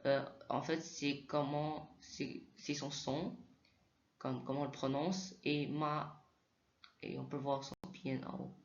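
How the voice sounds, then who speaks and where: Slow, hesitant man teaching pronunciation. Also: medium pitch, little pitch movement, slight background noise. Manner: hesitant, restarts often, repeats sounds aloud for practice. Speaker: Mandarin teacher. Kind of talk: slow spoken lesson with repeated sound demos. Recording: echoey room, slightly dull sound.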